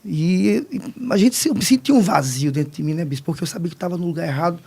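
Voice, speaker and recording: A man, telling his personal testimony as a podcast guest in halting, emotional speech with many restarts. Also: a little high, expressive, creaky, warm tone, husky. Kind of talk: personal testimony in casual conversation.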